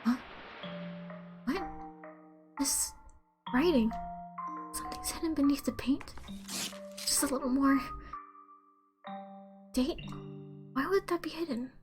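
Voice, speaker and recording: A woman reading as a distraught fourteen-year-old noble girl from a visual novel, frantic and muttering to herself, her voice pitched high and rising higher as she unravels. Faint music plays underneath, as if the story runs in the background. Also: slow pace, pauses often. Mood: alarmed.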